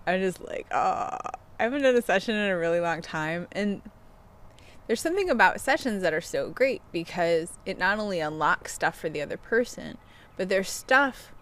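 A woman's voice: fairly low pitch, expressive, normal speed, a bit bright. A middle-aged woman talking casually and personally to camera like a self-help influencer, in a candid confessional chat. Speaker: self-help vlogger who gives coaching sessions. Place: outdoors on a wooden deck. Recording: clear outdoor background noise.

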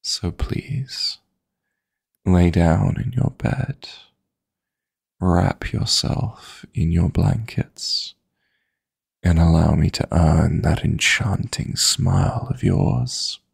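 This deep-voiced man plays a dream demon lover, possessive and teasing, for an intimate roleplay meant to aid sleep. He commits to a full character voice, gravelly and breathy, coaxing in a soft, deliberate way.

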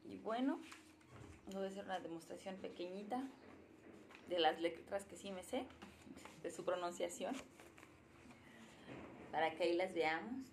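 A woman casually thinking aloud during a live study session, slowly sounding out letters as she writes them. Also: fairly low pitch, slight background noise. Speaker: language learner streaming her study sessions.

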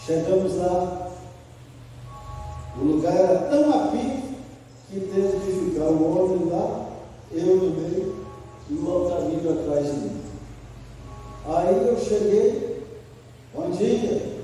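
High-voiced preacher man in an echoey hall. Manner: animated storyteller who acts out quoted dialogue. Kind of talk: sermon testimony, storytelling. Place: large church hall. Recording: echoey hall, from far off the mic.

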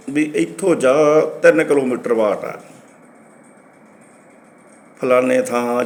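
A man's voice: medium pitch, creaky. Male preacher telling a story. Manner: lively storyteller acting out dialogue. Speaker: Sikh preacher. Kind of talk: storytelling sermon.

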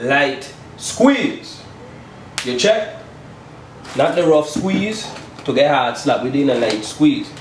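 A fairly high-pitched man hosts a home cooking demo, playful and talkative, frequently asking "you check?" The small indoor kitchen is picked up from afar by a camera mic, sounding roomy, with a little hiss or hum.

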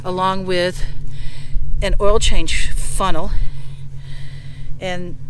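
Speaking very slowly in a lowish, level voice, a middle-aged woman vlogs from inside her parked car with background noise present. As a van life vlogger, she gives a casual, practical demonstration of her gear, chatting with many ums and false starts.

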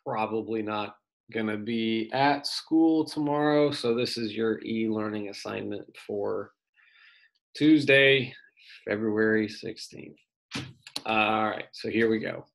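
A male teacher reading an article aloud to his students for an online lesson, steady and plain with brief casual asides. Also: fairly low pitch, slow pace, vocal fry.

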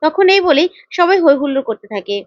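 A woman with a high voice retells a TV serial in a casual spoken way, voicing the characters' lines herself with small shifts in pitch and pace. The recording is dry and a little dull, like a lo-fi home setup. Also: sing-song, fast, no echo. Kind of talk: casual spoken story retelling with acted dialogue.

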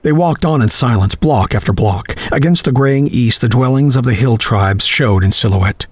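A man narrating a horror story, reading in a measured, dramatic way. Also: medium pitch, dry recording.

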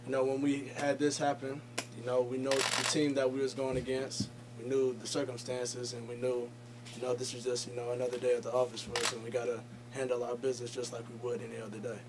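A young man, a college running back, giving short, measured answers at a post-game press conference through a table microphone. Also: medium pitch, completely flat delivery. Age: young adult. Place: press conference room, indoors. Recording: noticeable background noise.

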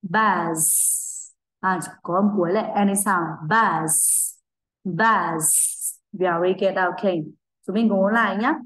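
A Vietnamese woman runs an English review for young children, encouraging them warmly at an ordinary pitch. She slows down and stretches out each model phrase so the children can repeat it. Her voice carries a noticeable echo from the room. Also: fairly even intonation. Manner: cheerful, encouraging. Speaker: English teacher. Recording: echoey room.

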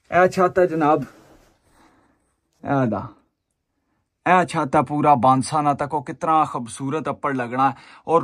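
A young man vlogging outdoors on a dry lakeshore, chatting to viewers as he builds. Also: sits high. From Kashmir, Pakistan. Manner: chatty, addresses viewers directly. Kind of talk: casual outdoor building vlog.

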